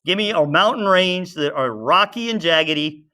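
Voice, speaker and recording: A man's voice: high-pitched, expressive, normal speed, pushed and bright. A male teacher giving a casual classroom science lesson, drawing as he explains and asking students questions. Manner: chatty, asks students questions, talks to himself while drawing.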